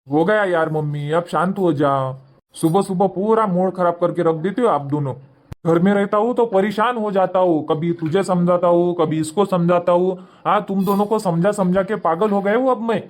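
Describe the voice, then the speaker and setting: A man's voice: high-pitched, normal speed, close to an everyday voice. A man voicing a harried young husband in a cartoon, pleading and placating between his wife and mother. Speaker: son and husband.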